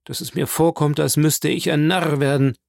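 A man's voice: fairly high pitch, flat delivery, moderate pace, vocal fry, darkish tone, no room sound, studio quality, pitched above the performer's own voice. A man reading an audiobook, voicing a distraught nobleman magistrate in a pleading, anguished manner.

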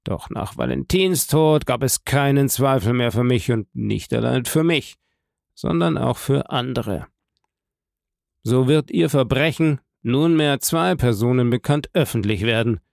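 Cold commanding prosecutor, cutting and sharp, voiced by a male reader; gravelly, close and dry. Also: mid-range voice, measured pace, no echo. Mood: accusing.

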